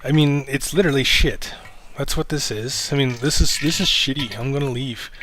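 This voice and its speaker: A man's voice: moderate pace, background noise. Rambling, swearing livestream host guy. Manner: rambling, self-deprecating, swears casually; low-key, speaks of himself as monotone. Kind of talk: casual livestream chat.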